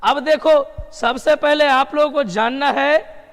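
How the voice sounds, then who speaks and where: Male grammar tutor with a very high voice, chatty and repetitive, treats students like close friends, long reverb on the recording. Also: unhurried, a bit bright. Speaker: English grammar teacher. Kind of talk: exam-prep grammar lesson.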